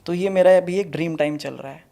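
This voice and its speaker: A young man in his twenties tells his story as an interview guest, with a fairly high voice for a man. He speaks earnestly and keeps addressing the host as "sir". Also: brisk, gravelly, warm tone. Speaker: interview guest, exam topper. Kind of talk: conversational interview.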